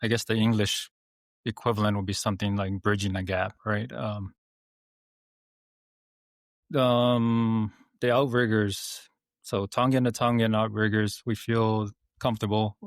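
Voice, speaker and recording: A male host asks calm, unhurried questions in a casual interview. His voice is fairly low and stays level, with little rise and fall. The sound is close and dry. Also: dry recording.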